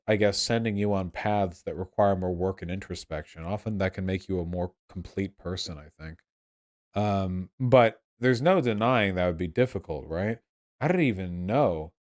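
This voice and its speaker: A young man with a fairly low voice talks off the cuff to a livestream audience. He sounds drunk and rambles, circling back and restarting phrases as he explains himself. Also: a little mellow. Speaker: livestream host answering chat. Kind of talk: casual rambling livestream talk.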